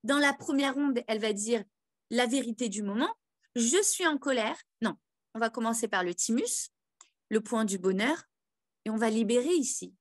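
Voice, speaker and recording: A woman guides listeners through tapping rounds in a wellness workshop. She has a somewhat high voice, pauses often and restarts her sentences. The sound is dry and close, with no room echo. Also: lively intonation. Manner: hesitant, many fillers and restarts, coaching tone. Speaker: EFT practitioner.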